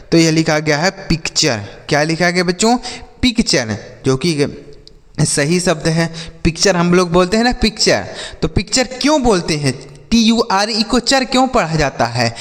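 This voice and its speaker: High-voiced male teacher, echoing hall. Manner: spells letters slowly, then asks and answers his own questions. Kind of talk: spelling and reading lesson for children.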